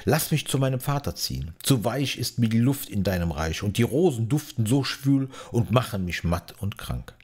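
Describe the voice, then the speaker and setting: A restless young prince from a storybook, as a male narrator does him. He speaks firmly and impatiently in a lifted, slightly husky voice. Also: lowish voice, animated, moderate pace, hardly any pauses, darkish tone, voice pushed up.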